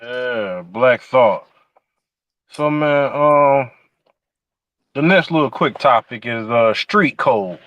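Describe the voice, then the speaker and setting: A man in his forties hosts a casual podcast, rambling through questions with plenty of fillers and restarts. His medium-pitched voice is animated but slow, with long pauses; the audio is dull with no room sound.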